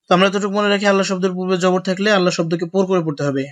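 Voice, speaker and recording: Male Quran tutor with a somewhat high, even-toned voice; drills letters slowly, then explains quickly. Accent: Bangladeshi Bengali. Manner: slow, drawn-out recitation alternating with brisk explanation. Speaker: Quran recitation teacher. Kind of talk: spelling-out Quran lesson.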